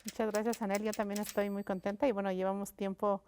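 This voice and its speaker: A native Mixe (Ayuujk) speaker from Mexico, a linguist and writer, is a guest in a thoughtful conversational interview on a TV studio set. Her mid-range voice has a darkish tone and little pitch movement, and she reflects aloud slowly, with frequent fillers and restarted phrases. A faint hiss or hum is audible.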